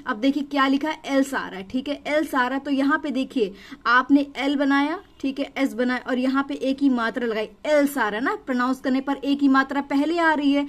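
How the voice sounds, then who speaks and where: A woman's voice: high voice, fairly even intonation, a little fast. A woman shorthand teacher, explaining each step patiently and repeating it with questions. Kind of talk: explanatory lesson.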